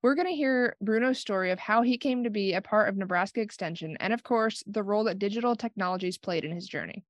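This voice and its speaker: A woman's voice: mid-range voice, fast talker, few pauses, dry recording, highs cut off. Woman co-host, interview podcast, dry studio sound.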